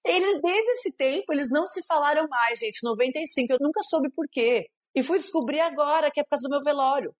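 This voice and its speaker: A woman casually telling a family story, animated and often laughing as she talks. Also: sits high, quick pace, few pauses. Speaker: storyteller guest.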